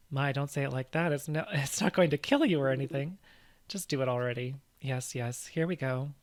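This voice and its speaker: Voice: medium pitch, close to an everyday voice. A player doing a kindly old scientist. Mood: reassuring. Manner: measured, reassuring, chuckling. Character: calm old male scientist, patient and kindly.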